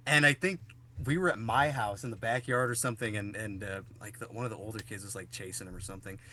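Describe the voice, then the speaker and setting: A man's voice: lowish voice, quick pace, bright, forceful tone, a little hiss or hum. A man hosting a podcast in casual chat, telling rambling stories full of fillers. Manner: rambling storyteller, many fillers. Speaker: podcast host.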